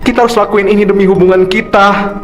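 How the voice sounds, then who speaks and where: A man voicing an anxious young boyfriend in an animated drama, talking in an earnest, pleading way. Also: high voice, fast, close to an everyday voice.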